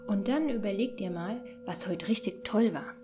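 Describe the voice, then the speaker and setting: A woman hosting a podcast and gently guiding a children's sleep meditation in a soft, whispery voice. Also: mid-range voice. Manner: soft slow whispered guidance. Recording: meditation music and singing bowls behind.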